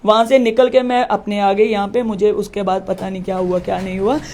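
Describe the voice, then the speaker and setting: A woman's voice: mid-range voice, flat delivery, brisk, darkish tone. A woman who heads her village, recounting a confrontation with the police in an interview and acting out the dialogue emphatically. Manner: emphatic, acts out quoted dialogue. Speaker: village head.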